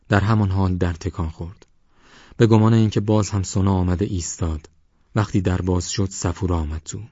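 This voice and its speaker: A man narrating a novel as an audiobook reader, steady and measured. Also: low voice, breathy edge, no room sound. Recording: dull lo-fi audio.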